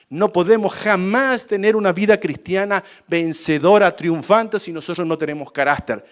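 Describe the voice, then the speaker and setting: A male pastor preaching a sermon emphatically, repeating points and addressing listeners as brother. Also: high-pitched.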